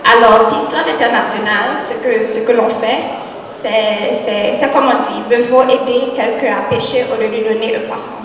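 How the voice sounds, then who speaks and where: A young non-native French-speaking woman with a foreign accent, giving a personal speech on stage in a halting, repetitive manner. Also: fairly high pitch, fairly even intonation, crowd noise. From Haiti. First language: not French. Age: young adult. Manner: halting, repeats phrases. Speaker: professional model and pageant contestant. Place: large hall with crowd. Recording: very echoey hall, distant, audience noise.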